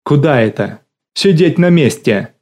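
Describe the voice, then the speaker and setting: A man's voice: mid-range voice, moderate pace, a little mellow, natural voice. A man voicing a bossy middle-aged woman who swings between syrupy sweetness and barking drill-sergeant commands, in an audiobook. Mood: barking orders.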